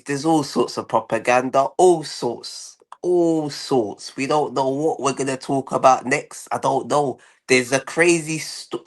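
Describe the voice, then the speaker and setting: Man, medium pitch, boastful, rhetorical, repeated phrases, declamatory football fan presenter.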